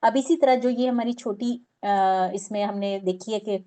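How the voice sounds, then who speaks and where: A woman's voice: a little high, steady tone, normal speed, warm tone. A woman teaching a recitation class, explaining patiently step by step and drawing out example words.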